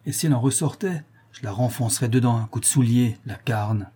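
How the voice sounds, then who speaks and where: A man's voice: mid-range voice, fairly quick, warm tone, husky. A man voicing a drunk, brutal young male bandit who snarls threats, reading a novel aloud. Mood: menacing.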